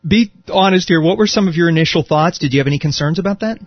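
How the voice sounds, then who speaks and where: A man's voice: fairly high pitch, quick pace, dry recording. Upbeat male host over a dull phone line. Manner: polished, upbeat interviewer. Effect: heard over the phone. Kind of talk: phone interview.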